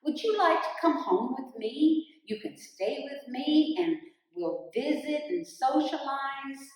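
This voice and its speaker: A woman's voice: high-pitched, expressive, a little mellow, voice pushed up. A woman voicing a sly, boastful male rabbit trickster in a told folktale, eager and pushy. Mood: coaxing. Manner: eager, fast-talking and pushy. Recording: roomy echo, distant mic.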